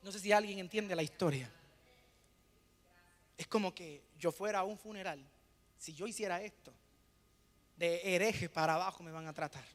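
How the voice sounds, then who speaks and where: Male preacher, high bright voice, rhetorical call-and-response questions, hushed then loud, echoey hall reverb. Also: normal speed, pauses often. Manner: swings between hushed and loud emphatic bursts. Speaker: pastor. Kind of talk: sermon.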